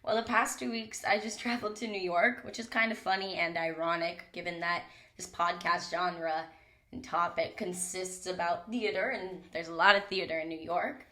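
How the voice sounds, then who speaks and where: With a bright, forceful voice on the low side, a young woman keeps a steady tone at normal speed while hosting her own podcast alone. She's candid and casual with some swearing, a bit stuffy from a cold, recording on a mic in a small closet.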